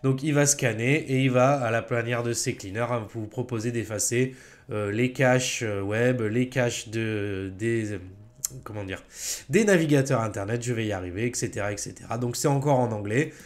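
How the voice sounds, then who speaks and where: A man with a French accent walks viewers through a software install in a casual tutorial, chatty and full of fillers, often correcting himself. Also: mid-range voice, moderate pace. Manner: chatty, many fillers and self-corrections, chuckles at own slips. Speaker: tech tutorial host.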